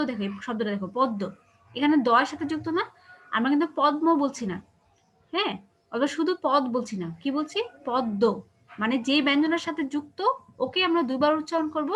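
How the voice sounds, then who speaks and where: Woman teacher w/ bangladeshi bengali accent, fast talker, keeps checking if students get it. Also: high voice, fairly bright tone. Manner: explains patiently, asks checking questions. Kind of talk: online class lecture.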